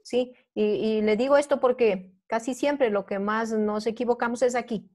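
A woman's voice: fairly high pitch, steady tone, normal speed, a little mellow. A middle-aged woman teacher, patiently explaining a review lesson step by step and checking in with her students. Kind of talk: online class review.

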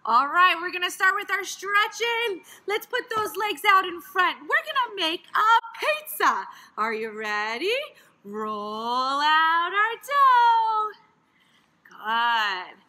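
A woman in her thirties leads a playful children's gymnastics lesson with animated, exaggerated, encouraging sing-song delivery, recorded in a large gym by a camera a few metres away. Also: extremely high pitch, measured pace, hardly any pauses. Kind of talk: playful guided exercise lesson for young children. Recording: faint room noise, camera across gym.

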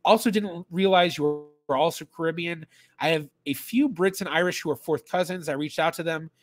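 On a casual livestream, a genealogist in his thirties reads questions from a small home room, thinking aloud amid fillers and restarts. His pitch is on the high side, and the audio has no echo.

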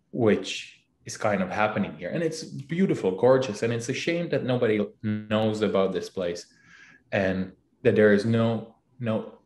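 Man from the Republic, halting, in an echoey room. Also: lowish voice, a little mellow. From Czech Republic. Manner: halting, many fillers and restarts. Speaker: CEO guest. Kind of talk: casual interview answers.

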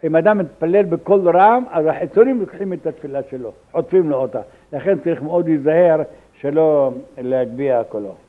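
An older man, a rabbi, teaching religious law in a halting way with repeated words, acting out the dialogue in his anecdotes. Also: on the high side. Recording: tinny phone-like lo-fi recording.

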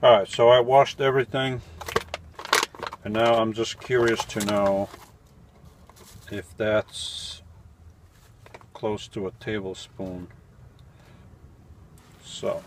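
A man's voice: lowish voice, little pitch movement, takes it slowly, pauses often, background noise. A man in his forties, a van-life vlogger, talking casually to camera while brewing coffee, thinking aloud and correcting himself. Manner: thinking aloud, self-correcting, mildly puzzled. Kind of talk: casual how-to talk while making coffee. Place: small cluttered van interior at night.

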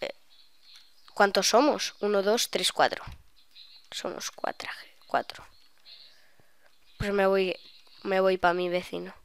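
Smooth-voiced young woman gamer. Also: mid-range voice, takes it slowly, pauses often, no room sound. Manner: chatty, excitable, bursts of shrieks. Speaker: gaming YouTuber. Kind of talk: live gameplay commentary.

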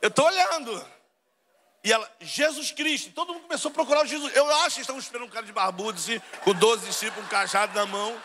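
A man's voice: sits high, racing, hardly any pauses, long reverb tail, background noise. A middle-aged man from Brazil with a Carioca accent, preaching a sermon and telling a story while acting out the dialogue. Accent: Carioca Portuguese. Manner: storytelling, acts out dialogue, addresses crowd as brother.

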